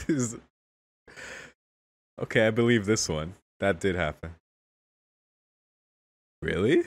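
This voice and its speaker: A man's voice: fairly low pitch, animated, slow pace, long pauses. A young man hosting a casual anime reaction, exclaiming candidly, often laughing and swearing. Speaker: anime reaction channel host.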